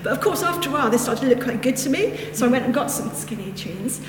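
A fast-talking woman with a high-pitched voice and lively intonation gives a reflective Buddhist teaching, meandering through casual asides. Her accent is northern English, and this is a dharma talk to a group in a hall with a lectern. The hall is echoey, the mic distant, and background noise can be heard.

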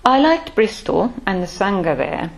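A Finnish-speaking woman in her sixties, a Buddhist order member, reflects on her life story in a medium-pitched, gravelly voice that is very animated yet measured and thoughtful, with frequent pauses. The recording is rough.

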